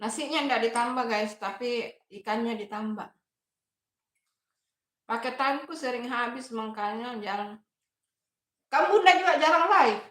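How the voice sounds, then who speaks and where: Woman streamer, bright clear voice, casual coaxing chat with viewers. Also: fairly high pitch, lively intonation, a little slow, long pauses, reverberant. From Indonesia. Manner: chatty, reads viewer comments aloud, gently coaxing. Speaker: live streamer. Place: home kitchen.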